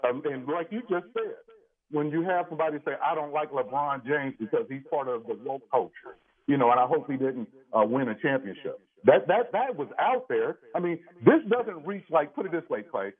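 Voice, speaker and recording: A man calling a sports radio show to debate, talking familiarly to the host and meandering through his point. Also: on the high side. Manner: familiar, addresses host by first name, meandering. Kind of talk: conversational sports debate on a phone-in. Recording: dull, band-limited phone call to radio.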